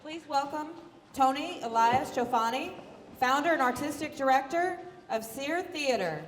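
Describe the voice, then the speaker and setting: A woman presenting at a theater awards night, announcing each play in a clear, formal scripted way. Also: high-pitched, expressive, moderate pace. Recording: echoey hall with faint room noise.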